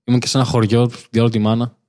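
A young man from Crete, a comedian and podcast guest, telling stories in a relaxed way and laughing easily. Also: mid-range voice, clean tone. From Crete, Greece. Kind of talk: casual podcast chat.

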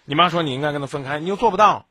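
A man's voice: fairly high pitch, racing, sharp tone. A man hosting a late-night radio advice show, bluntly lecturing and scolding a caller. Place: radio studio.

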